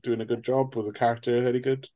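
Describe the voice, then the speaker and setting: A man's voice: mid-range voice, little pitch movement, quick pace, narrow, tinny audio. A man from Britain co-hosting a casual film-review podcast, joking, swearing and acting out quotes with frequent laughs. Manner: jokey, swears, laughs often, acts out quotes. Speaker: podcast co-host.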